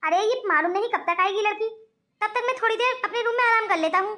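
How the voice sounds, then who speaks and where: A woman's voice: very high voice, fast, sharp tone. Woman voicing a young businessman grandson. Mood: questioning. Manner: affectionate and questioning. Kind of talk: cartoon voice acting.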